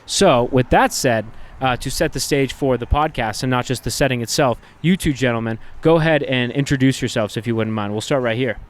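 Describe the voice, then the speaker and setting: A man's voice: mid-range voice, fairly quick, hardly any pauses. A man hosting a podcast, setting the scene and inviting the guests to introduce themselves. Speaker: podcast host. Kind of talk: casual interview.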